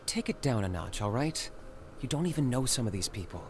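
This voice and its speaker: A man voicing a calm, stern young man in a video game, who speaks in a dry, level, reproachful way. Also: mid-range voice, brisk, slightly rough.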